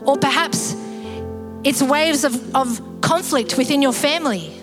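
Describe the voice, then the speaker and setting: Animated woman preaching a sermon. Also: sits high, measured pace, music in the background. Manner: animated, acts out quoted voices. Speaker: pastor.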